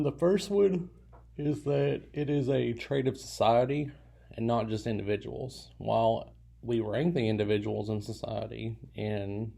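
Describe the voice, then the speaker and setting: A man's voice: on the low side, gravelly, dark tone. A man giving a recorded lecture in a loose, casual way, full of fillers and restarts, now and then stifling a yawn. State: yawning. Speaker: college lecturer.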